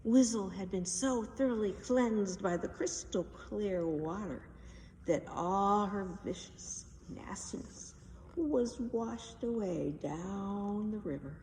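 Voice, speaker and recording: Reading a children's book aloud, a woman uses a mellow, mid-range voice at a slow pace, making her delivery dramatic and emphatic. Captured from afar in a reverberant hall, the audio carries faint noise.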